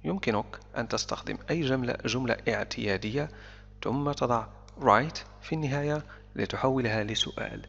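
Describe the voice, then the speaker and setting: A man's voice: medium pitch, fairly quick, vocal fry, fairly bright tone, in a large hall, dull audio. A man teaching English vocabulary, explaining each word in short, repeated steps. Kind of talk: explanatory language lesson.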